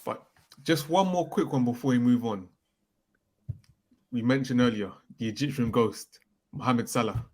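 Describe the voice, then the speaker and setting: A young man in a casual football chat, talking haltingly and repeating words as he goes. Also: mid-range voice. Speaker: football pundit.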